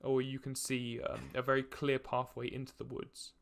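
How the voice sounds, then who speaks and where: A young man running a tabletop game as its game master. He narrates in a hesitant way, full of fillers and restarts, with a gravelly grain to his mid-pitched voice. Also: completely flat delivery, moderate pace, fairly bright tone. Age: young adult. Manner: hesitant, many fillers and restarts, laughs often.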